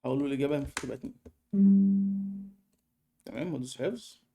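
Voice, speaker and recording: A young man with an Egyptian Arabic accent walking through a screen-recorded software tutorial in a fast, chatty way, with many fillers. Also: mid-range voice, expressive, vocal fry, over loud music. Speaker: online course tutor.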